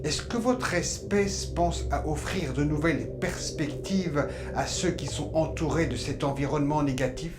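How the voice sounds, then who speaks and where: A man playing an aloof alien emperor who lectures humans in a formal, measured, detached way in a science-fiction drama. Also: a little high, music in the background, lightly acted. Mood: solemn, lecturing. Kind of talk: scripted science-fiction monologue. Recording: loud background noise and ambience.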